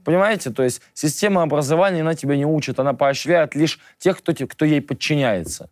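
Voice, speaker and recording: Guy ranting in a radio interview, gets loud and pushy with his opinions, dry studio mic. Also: on the high side, lively intonation, quick pace, dry recording. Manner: emphatic, opinionated, rants with rising force. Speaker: interview guest. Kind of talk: casual interview talk.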